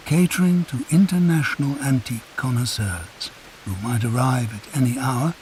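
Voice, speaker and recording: A man narrating a guided sleep meditation in a soft, calm, unhurried storytelling voice. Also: mid-range voice, rough recording. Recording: hissy recording with rain sounds behind. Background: rain.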